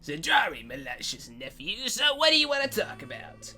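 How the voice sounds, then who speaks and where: A man's voice: sits high, wildly swooping pitch, moderate pace, bright, forceful tone, pitched above the performer's own voice, full character voice. A man voicing a grumpy, guarded old man in a video game. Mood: gruff, curt.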